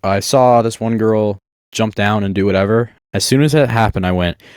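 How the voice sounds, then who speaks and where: Young guy with a low voice, rambling self-deprecating story time, dry sound. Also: moderate pace, a little mellow, clear, resonant tone, no echo. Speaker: vlogger. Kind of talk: casual storytelling monologue.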